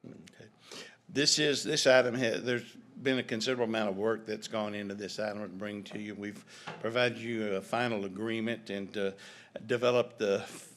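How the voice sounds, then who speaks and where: A man, a district administrator, explaining agenda items at a board meeting in a measured, businesslike way. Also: on the low side, fairly even intonation, a bit bright, a little hiss or hum.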